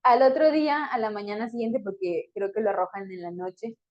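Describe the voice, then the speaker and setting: A woman with a mid-range voice teaches a Bible story fairly quickly and conversationally, slipping fillers and little laughs between phrases. The recording is dull and lo-fi.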